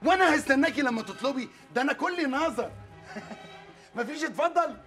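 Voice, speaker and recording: A man's voice: extremely high pitch, lively intonation, brisk, music in the background. An actor playing a pushy, flirtatious male neighbor with an Egyptian accent, teasing in folksy street talk in a TV comedy. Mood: cheeky. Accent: Egyptian Arabic. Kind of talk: TV comedy series acting.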